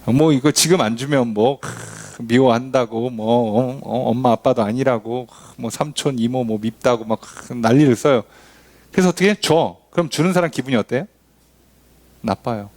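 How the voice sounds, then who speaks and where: A man's voice: medium pitch, normal speed. A man, a pastor leading a Bible study, teaching in a casual, conversational way, asking rhetorical questions and acting out quoted voices. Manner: animated, acts out quoted voices, asks the congregation questions.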